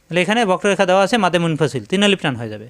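With lively intonation and a smooth, high, resonant voice, a man guides listeners through tajweed. He goes over each rule slowly and says it again, pausing now and then for long chanted recitations of the target words.

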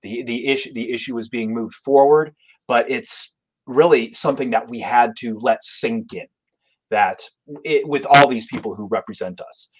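A man speaking as an advocacy guest, earnest and halting. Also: mid-range voice, breathy edge. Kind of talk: interview answer. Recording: dull lo-fi remote audio.

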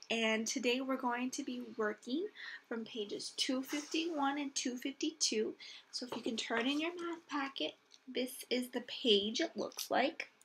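High-voiced young woman, kids show host style. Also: a bit bright. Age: 20s. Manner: addresses children in simple, encouraging questions, like a kids show host. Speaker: elementary math teacher. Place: small room at home, indoors. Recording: clear background noise, room ambience.

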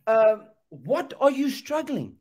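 The middle-aged Zambian man here speaks slowly in a very high-pitched, darkish voice that swings widely in pitch. He's preaching fervently on a webcam video call from indoors, repeating phrases and asking rhetorical questions.

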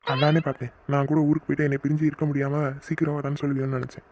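A man's voice: on the high side, flat delivery, rapid-fire, darkish tone. A man voicing a teasing young male friend in a cartoon who banters stubbornly. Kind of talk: cartoon voice acting.

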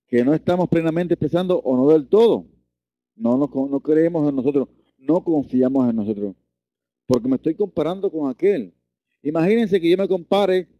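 A man's voice: no room sound, dull audio. A man teaching a Reiki lesson, earnest, often repeating and restarting his words. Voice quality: deep voice. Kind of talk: online lesson.

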